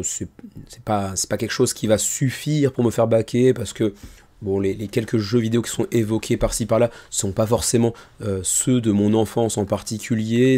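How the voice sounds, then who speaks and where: A man presenting a show casually and informally, keeping his tired voice low and soft, close to the microphone. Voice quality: tired voice, held back to spare it. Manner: informal, chatty, self-deprecating. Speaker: host of a board game crowdfunding video show. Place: small room indoors. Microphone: microphone about ten centimetres from the mouth.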